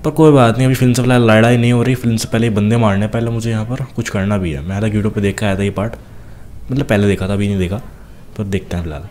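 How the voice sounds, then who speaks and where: Young man, game commentator, lowish voice, fast teasing chatter, faint background hiss. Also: fairly even intonation, a little mellow. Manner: chatty, teasing enemies, talks fast while playing. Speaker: gameplay commentator.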